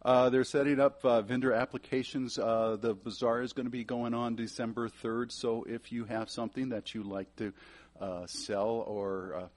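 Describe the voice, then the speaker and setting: A man reads out church announcements in a sanctuary in a casual, rambling way. His voice sits at an ordinary middle pitch, and he fills the gaps with plenty of "uh"s. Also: flat delivery, normal speed. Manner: rambling, many fillers.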